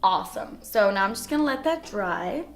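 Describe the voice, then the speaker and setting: A woman's voice: mid-range voice, lively intonation, brisk, gravelly. A young woman vlogging a makeup tutorial in a casual, chatty way. She keeps dropping "like" between phrases as she explains each step. Faint music plays in the background. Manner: chatty, frequent "like" fillers. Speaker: beauty vlogger.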